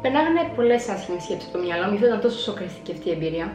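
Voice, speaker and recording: A woman's voice: mid-range voice, sing-song, a little mellow. A young woman telling a personal story in a vlog, acting out her own past words with dramatic flair. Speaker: vlogger. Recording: echoey room with faint music.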